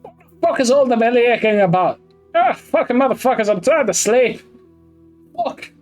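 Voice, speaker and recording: A man's voice: very high-pitched, expressive, normal speed, faint music behind, voice pushed up. A man voicing a grumpy, foul-mouthed man who has just been woken, snapping and swearing. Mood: irritated. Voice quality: cursing, snappish.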